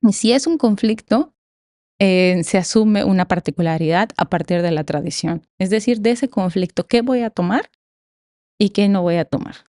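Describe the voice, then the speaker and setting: A woman's voice: mid-range voice, moderate pace, darkish tone, dry recording, clean studio sound. A woman with a Mexican Spanish accent explaining ideas conversationally as an academic podcast guest, emphatic and given to rhetorical questions.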